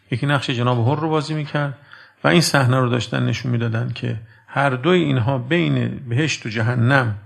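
In a creaky, medium-pitched voice, a man delivers a sermon built around a story. He speaks to his listeners as dear friends, swinging from hushed tones to emphatic ones.

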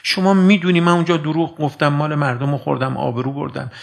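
This preacher's voice is fairly high and gravelly, with fairly even intonation. Telling a story in his sermon, he addresses the audience as dear friends and alternates between quiet and forceful moments.

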